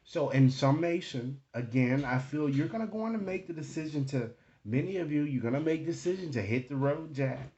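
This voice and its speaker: This tarot-reading host talks briskly with few pauses, his slightly high voice lively in intonation yet dark in tone. The sound is lo-fi as he casually improvises a reading for the viewer, peppering it with short tag questions.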